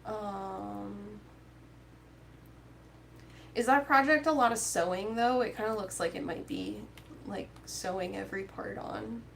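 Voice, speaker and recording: A woman's voice: mid-range voice, a little slow, gravelly, pauses often, fairly bright tone, slight background noise. A woman chatting casually with live viewers while she crochets, rambling and reading out their comments. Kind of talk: casual crochet-along chat.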